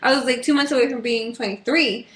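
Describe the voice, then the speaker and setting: Fast-talking bright young woman. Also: fairly high pitch, reverberant, slight background noise. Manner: quick, full of "like" and "you know". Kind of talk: casual chat.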